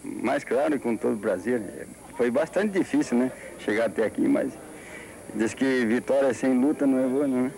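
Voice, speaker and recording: A man's voice: mid-range voice, moderate pace, vocal fry, dark tone, low-quality recording. A man in his fifties with a Brazilian accent, chatting casually in an interview on a handheld mic. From southern Brazil. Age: 50s. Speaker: rodeo founder being interviewed. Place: outdoors at rodeo arena at night. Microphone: handheld reporter microphone. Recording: music behind, old TV tape.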